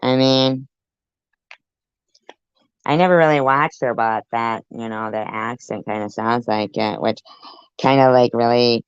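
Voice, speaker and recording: A commentator with a deep pitch-shifted voice, reacting to a clip with blunt, profane sarcasm. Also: fairly even intonation, unhurried, long pauses, smooth, dry recording, lo-fi sound. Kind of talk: ranting commentary.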